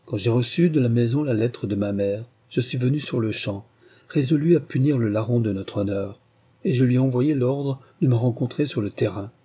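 A man's voice: medium pitch, normal speed, dark tone, husky, natural voice. A man voicing a proud, resolute young soldier son in a read-aloud novel, speaking firmly and steadily.

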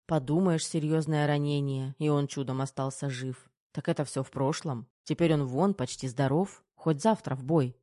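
Male romance audiobook narrator, calm and even, with a dark, mellow tone. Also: a little high, moderate pace, hardly any pauses, no room sound, clean studio sound.

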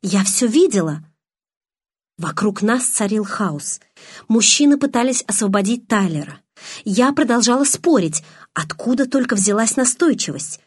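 A woman narrating a novel in the first person, with expressive storytelling. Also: fairly high pitch, moderate pace, breathy edge, no echo, studio quality. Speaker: audiobook narrator.

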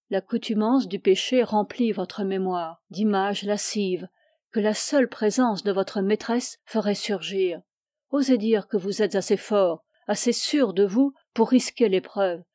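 Une femme qui prête sa voix à un mentor spirituel âgé et sévère, qui fait des reproches d'un ton dur. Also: female voice, mid-range voice, a little slow, dark tone, no room sound, clean studio sound, natural voice. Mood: severe. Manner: stern, reproving. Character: stern older male spiritual mentor, severe.

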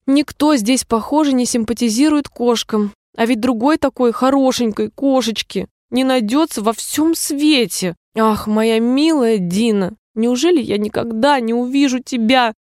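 Storybook cast: a polite, eager young girl, put on by a woman, high and sweet. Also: measured pace, a little mellow, no room sound, studio quality, natural voice. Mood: wistful. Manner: polite, earnest.

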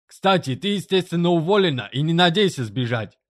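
A leering, threatening middle-aged boss, as a woman narrator puts him on in a storybook reading. He growls his threats in a voice dropped far below her own, with a rough timbre. The menace is crude and unhidden. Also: fairly low pitch, animated, fairly quick, voice pushed down, lightly acted.

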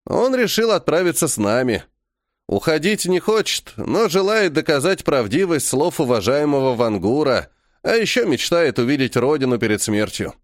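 Man doing old alien chief, weary, blunt, fatalistic, lively swinging pitch, dry close sound. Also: moderate pace, no room sound. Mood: calm.

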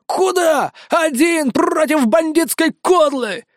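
A man voicing a panicky male pirate parrot who squawks his lines in slow, drawn-out cries. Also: extremely high pitch, lively intonation, no echo, studio quality, voice pushed up, full character voice. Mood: alarmed.

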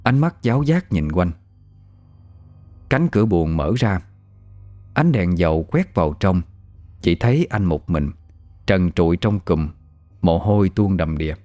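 A man telling a horror story in a grave, measured narration. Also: low voice, animated, dark tone, no echo. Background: faint music.

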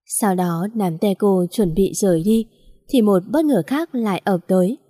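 Warm-voiced woman reading a story. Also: medium pitch, unhurried, no echo, studio quality. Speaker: narrator. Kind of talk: scripted story narration.

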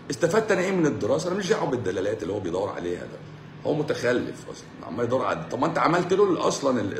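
A man with an Egyptian Arabic accent hosts a livestream as a doctor, lecturing viewers bluntly at a rapid clip. He keeps checking in with quick rhetorical questions. The sound is roomy and echoey, with a faint ambient hum behind him. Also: mid-range voice. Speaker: doctor, channel host.

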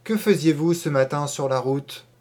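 A man's voice: fairly high pitch, normal speed, close to an everyday voice. A man reading an audiobook, voicing a pompous, irritable village mayor who barks orders scornfully. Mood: scornful, commanding. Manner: loud, scornful, commanding.

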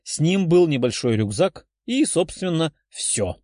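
Male audiobook narrator, fairly high voice, lively intonation, dry close recording. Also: a little slow, dry recording. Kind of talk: scripted narration.

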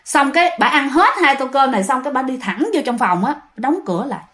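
A woman with a southern Vietnamese accent recounts a ghost story in a relaxed, chatty way and keeps talking directly to her listeners. Her voice sits fairly high and swings widely in pitch as she builds the tale. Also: quick pace. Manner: chatty, addresses listeners directly, animated retelling. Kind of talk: casual spoken storytelling.

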